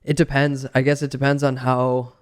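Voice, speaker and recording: A man's voice: medium pitch, flat delivery, moderate pace, clean tone. A man co-hosting a casual fantasy football podcast, thinking aloud with lots of restarts. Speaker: podcast co-host. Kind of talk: casual chat.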